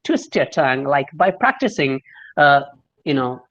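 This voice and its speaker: This pronunciation coach, a man from Kerala, India, has a somewhat high, slightly bright voice with a sing-song lilt and a measured pace. His Malayali English accent comes through as he explains and models pronunciation in a friendly online lesson, often spelling words one letter at a time.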